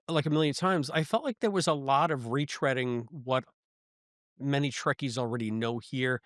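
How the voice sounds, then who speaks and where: A podcast co-host talks through a review in a rambling, casual way, stammering into restarts. His mid-range voice comes through a dry recording with clean studio sound.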